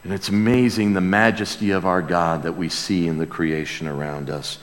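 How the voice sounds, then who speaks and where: In a large room with long hall reverb, a deep-voiced man speaks at normal speed in a steady tone. He's a pastor giving a conversational sermon, Bible teaching with call and response, and he's earnest and exclamatory, repeating phrases to drive points home.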